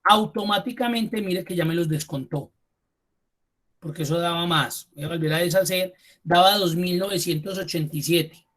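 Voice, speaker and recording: A man's voice: high voice, fairly bright tone. Man teaching, repeating key words. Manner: repeats key terms slowly for emphasis; addresses students directly and informally. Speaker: computer course instructor. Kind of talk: online class lecture.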